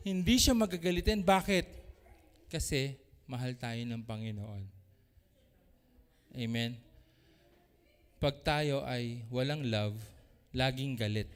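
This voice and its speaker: A man preaching a sermon as pastor, animated, swinging between loud exclamations and soft asides. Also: a little high. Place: church. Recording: church hall with long reverb.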